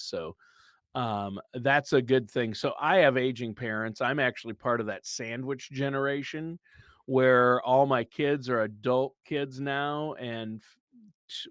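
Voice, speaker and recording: Brief: fifties male co-host, mid-pitched, dry close sound, chatty and jokey. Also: fairly even intonation, unhurried, fairly bright tone, no echo. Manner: chatty, joking, laughs often. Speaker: podcast co-host. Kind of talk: casual podcast chat.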